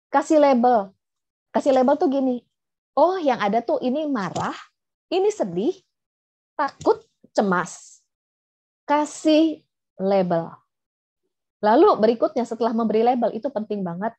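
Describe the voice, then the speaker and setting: Woman pastor and counselor, conversational sermon, mellow tone, slightly muffled video call sound. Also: a little high. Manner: chatty, explains with acted everyday examples. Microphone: video call microphone.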